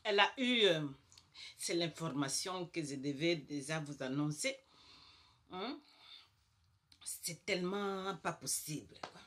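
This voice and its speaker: A woman's voice: fairly low pitch, animated, slow pace, pauses often, fairly bright tone. A woman doing a chatty comic rant to camera. She is emphatic, repeats herself for effect and tags her sentences with little asides. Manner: emphatic, chatty, peppered with "hein" and "quoi". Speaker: comic monologue persona.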